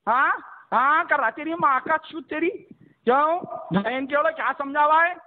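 A man's voice: extremely high pitch, unhurried. A man in a heated phone argument, hurling abuse and threats nonstop. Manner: abusive, threatening, cursing constantly. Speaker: caller. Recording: tinny phone line.

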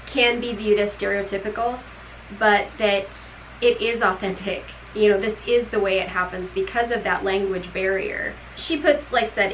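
A middle-aged woman, a book club co-host, chats loosely and at length about a novel in a casual review, circling back on her thoughts and laughing often. She sits in a room at home talking naturally to her co-host on camera. Her voice is mid-range and fairly bright, and the poor audio carries a little hiss or hum.

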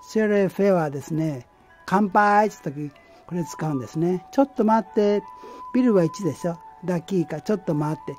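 Man, amateur teacher, mellow tone, halting and patient, faint music behind. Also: high voice. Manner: patient, halting explanation with many fillers. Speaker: language teacher. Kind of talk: amateur language lesson.

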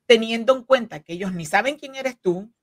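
Over a desk microphone on a video call from home, an immigration legal counsel in her forties, a native Spanish speaker, gives earnest explanations as an interview guest, often using fillers and restarting sentences. Her voice is a little high and moderately paced, and the recording is dry and studio quality.

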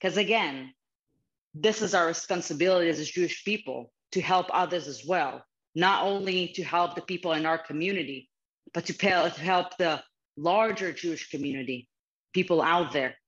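A woman's voice: fairly low pitch, normal speed. A woman in her thirties with a Ukrainian accent, speaking earnestly and from the heart as a guest speaker over a video call from a small office. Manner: earnest, heartfelt, slightly non-native phrasing. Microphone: video call webcam. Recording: slightly muffled video call audio.

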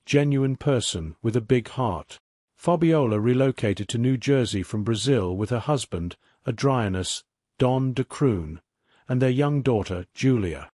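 A man's voice: mid-range voice, darkish tone, no room sound. Man narrating a mystery video, dry close mic. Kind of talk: scripted narration.

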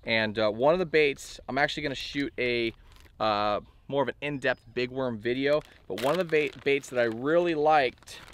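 A man in his thirties giving a relaxed, chatty fishing gear review to camera outdoors by a lake, with a lot of fillers. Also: mid-range voice, clean tone, no room sound. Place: outdoors on a bass boat by a lake.

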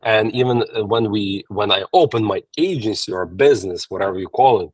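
Speaking briskly in a lowish voice, a Ukrainian-accented man joins a podcast as a guest, an agency owner in a relaxed interview. He narrates animatedly in basic non-native English with lots of restarts, over a laptop or phone video call with no echo but poor audio.

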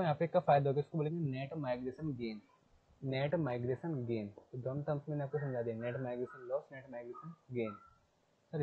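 A man's voice: fairly high pitch, slightly rough. A male teacher explaining a lesson, repeating key terms and asking his students questions before answering them himself. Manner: reads English text slowly before explaining. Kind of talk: classroom lecture in Hindi mixed with English. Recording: phone-like lo-fi sound.

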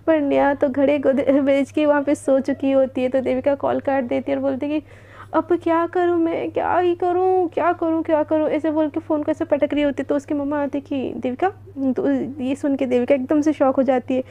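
A woman's voice: high voice, little pitch movement, a little fast, hardly any pauses, warm tone, highs cut off. A woman storyteller narrating a love story in a chatty, conversational way.

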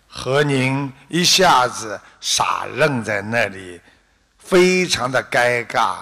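A man with a Shanghainese-accented Mandarin, giving a deliberate, unhurried Buddhist dharma talk with a parable in a hall. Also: mid-range voice, creaky, fairly bright tone. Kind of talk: slow measured sermon with parable.

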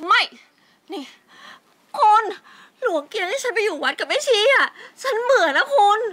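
A woman's voice: very high-pitched, big pitch swings, moderate pace, a bit bright, dry recording, full character voice. An actress playing a feisty young woman dessert cook who talks in a chatty, pleading, stubborn way in a TV drama. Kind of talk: TV drama acting.

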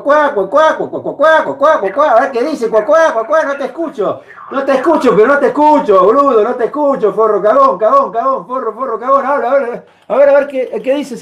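On a muffled recording, a man with an extremely high-pitched voice runs a heated live-stream call-in. He badgers callers with repetitive, insulting shouts.

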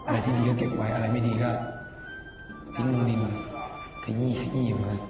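A man's voice: medium pitch, level tone, normal speed. A young man giving a casual, teasing farewell message, offering big-brotherly advice. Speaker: departing contestant. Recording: roomy, distant, muffled with music. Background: music.

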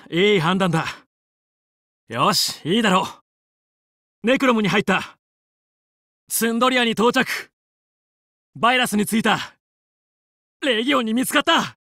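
A man's voice: high voice, sharp tone, dry recording, studio quality, exaggerated voice. A male actor playing a confident, heroic young fox who leads a team of space pilots in a video game, with cool, resolute, clipped delivery. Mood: steady, businesslike. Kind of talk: Japanese video game battle voice lines.

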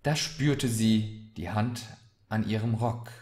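A man reading a fantasy short story aloud, slow and deliberate. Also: on the low side, darkish tone. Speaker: reader of short stories. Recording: roomy echoey recording.

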